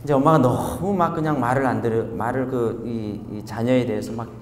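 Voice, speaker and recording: A male pastor preaching a revival sermon, animated and constantly asking the congregation questions. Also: medium pitch, fairly quick, slight background noise. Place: church revival tent meeting. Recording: echoey hall with faint ambience.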